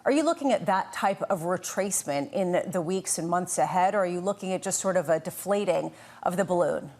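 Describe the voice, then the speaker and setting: A woman's voice: on the low side, a little fast, darkish tone. A woman anchor asking long, composed questions in a financial news interview.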